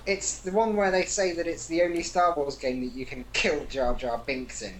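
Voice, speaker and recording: A man's voice: a little high, little pitch movement, normal speed, a little hiss or hum, poor audio. A man co-hosting a casual podcast, teasing and jokey. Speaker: podcast co-host. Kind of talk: casual chat.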